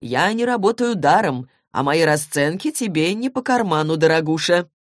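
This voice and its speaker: A woman voicing a haughty male warlock who speaks slowly and condescendingly. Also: low-pitched, expressive, dry recording, studio quality. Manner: slow, drawling and condescending.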